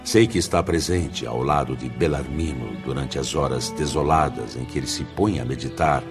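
Music plays behind an actor with a very deep voice who portrays a grave, fatherly spirit director in a Brazilian radio drama. Speaking formally and with measured solemnity in a Brazilian accent, he conveys grave compassion.

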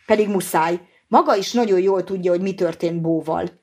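An anxious woman doctor presses her point with urgency, as a narrator reads her. Her voice sits slightly low and sounds worried and forceful. A plain audiobook reading.

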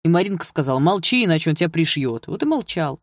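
A man's voice: a little high, sing-song, fast talker, no echo. A guilty, jittery young guy in an audiobook, voiced by a male reader. He rambles in slang and pleads his case, his voice a touch raised and pushed. The sound is close and dry. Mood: nervous. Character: nervous young man, guilty, whining excuses.

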